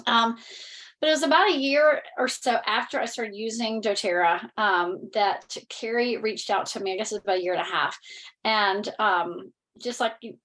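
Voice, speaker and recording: A network marketing leader in her thirties from North Carolina presents a webinar from home over a video call, with a Southern American accent and a medium-pitched, fairly bright voice at a moderate pace. She's candid, blunt, and chatty, full of fillers, and the recording is rough.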